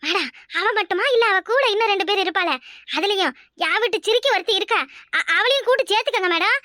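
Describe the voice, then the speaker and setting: Woman voicing a nosy cartoon village gossip, Kanyakumari Tamil accent, very high voice, rapid prying talk. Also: no echo, studio quality. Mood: tattling. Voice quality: high, bright, quick cartoon voice. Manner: prying, tattling, eager to inform. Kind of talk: cartoon voice acting.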